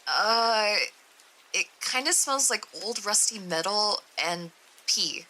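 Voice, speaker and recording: A woman's voice: mid-range voice, expressive, slow, bright, forceful tone, pitched above the performer's own voice, rough recording. A woman voicing a young female test subject, nervous and easily grossed out, talking in a raised, exclaiming voice during a creepy story reading. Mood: disgusted. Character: young woman test subject descending endless stairs, scared and disgusted.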